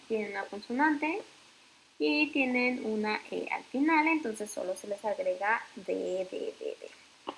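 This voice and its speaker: A woman teaching English grammar in Spanish, explaining slowly and patiently, with frequent fillers and self-corrections. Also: on the high side, creaky, fairly bright tone, a little hiss or hum, rough recording.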